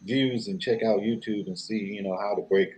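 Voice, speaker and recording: Folksy low-voiced man chatting. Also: fairly even intonation, normal speed, darkish tone, rough recording. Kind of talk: casual chat.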